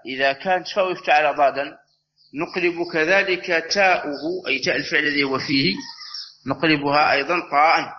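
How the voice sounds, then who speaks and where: A man teaching an Arabic grammar lesson, explaining step by step and slowly repeating each word form. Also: on the high side. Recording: slightly dull recording with faint noise.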